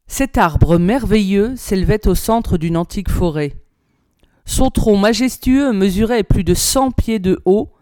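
A woman reading an old storybook aloud in a measured, expressive way. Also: fairly low pitch, no echo, studio quality. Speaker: narrator, reader.

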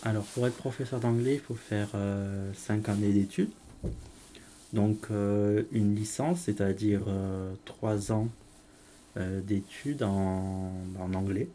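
Deep-voiced man with a southern French accent. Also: slow pace, warm tone, a little hiss or hum. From south of France. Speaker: English teacher. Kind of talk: answering a school interview.

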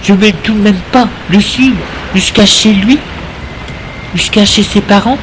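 A man reading a first-person story aloud in a slow, intimate, tense way. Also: high-pitched, background noise.

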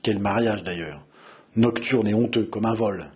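Storybook: harsh old commander over sixty, gruff and scornful, read by a man. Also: fairly low pitch, a little slow, a little mellow, lightly acted. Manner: curt, rough and scornful. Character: old gruff male army chief, harsh and proud. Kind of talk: audiobook character reading.

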